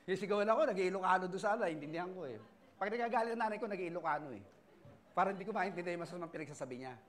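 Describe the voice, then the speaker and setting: At a church service, a middle-aged Filipino pastor preaches to his congregation, weaving personal testimony with animated storytelling where he acts out voices and shouts lines. His voice is high for a man, rapid-fire, and swings between loud outbursts and quiet asides.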